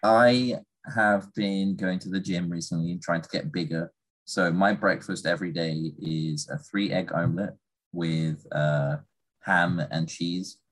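A young man from England with a very low voice talks in a relaxed, rambling way. His tone has a husky edge, and he pads his answers with easy fillers. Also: unhurried, poor audio. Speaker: conversation partner. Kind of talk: casual chat.

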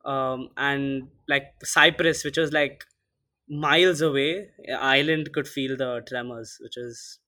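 A man's voice: mid-range voice, steady tone, slow, bright, forceful tone. A teenage boy from India co-hosting a casual podcast, talking loosely with lots of fillers. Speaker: podcast co-host.

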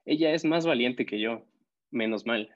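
A man's voice: medium pitch, a little slow, close to an everyday voice. A man voicing a timid, comic schoolboy who talks playfully, in an audiobook story on a slightly dull recording. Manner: animated, playful.

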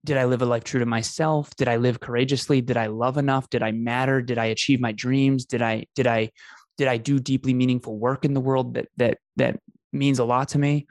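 A man's voice: mid-range voice, little pitch movement, fairly quick, no room sound, clean studio sound. A man, telling his life story in an earnest, emphatic conversational way. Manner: earnest, emphatic, repeats phrases for effect. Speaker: podcast host telling his story as a guest.

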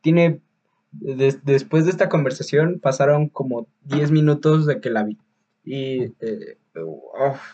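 A man with a Mexican Spanish accent chats casually about films as a podcast host, circling his points with fillers, restarts and street slang. His voice is husky and sits in a middle pitch. The recording sounds dull and lo-fi. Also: expressive, slow pace, dark tone. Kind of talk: casual film review chat.

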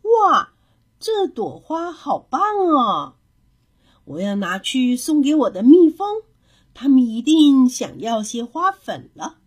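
A woman voicing a jolly bear uncle who keeps bees and talks loudly. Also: high voice, a little slow, hardly any pauses, voice pushed up. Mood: delighted.

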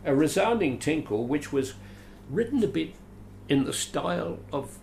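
This older veteran actor from Adelaide, Australia, reminisces in a rambling interview, offering dry self-deprecating asides. His voice is a little high yet gravelly and darkish, very animated, at a moderate pace, with slight background noise.

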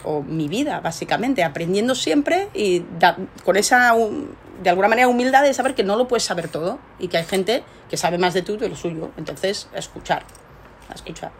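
A woman's voice: mid-range voice, animated, normal speed, few pauses, a little hiss or hum. A middle-aged woman scientist answering interview questions, telling her story with animation and many rhetorical tags. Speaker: scientist guest.

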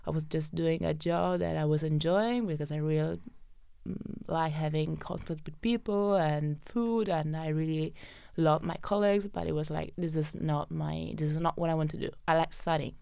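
A young data scientist from southern Italy, speaking with an Italian accent, tells her story as a podcast guest, with frequent fillers and laughter. Her low voice is gravelly, mellow, clear and resonant, fairly even in intonation, at normal speed, with no echo.

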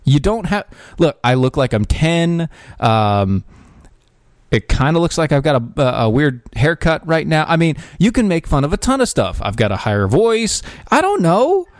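A podcast host rants sarcastically through casual political commentary, often restarting sentences and using fillers. His voice is fairly high and very animated, at normal speed, in clean studio sound with no echo.

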